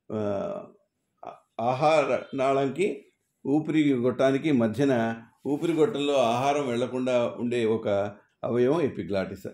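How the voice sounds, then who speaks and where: Male doctor reading out a medical lesson, mellow tone, steady list-by-list delivery, echoey room. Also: mid-range voice. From Andhra Pradesh, India. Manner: measured, methodical listing of causes with occasional hesitations. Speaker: doctor explaining a medical topic. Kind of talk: reading an explanatory medical talk. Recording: roomy echo.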